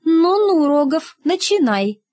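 A woman's voice: extremely high pitch, big pitch swings, slow, a little mellow, faint music behind, pitched above the performer's own voice, full character voice. A woman voicing a stern but kindly middle-aged schoolteacher who scolds a pupil.

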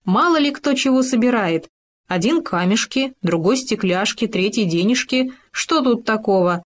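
A woman voicing a small, clever male hamster, speaking in a squeaky, innocent and patient way in a storybook reading. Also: moderate pace. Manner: calm, innocent, explaining patiently.

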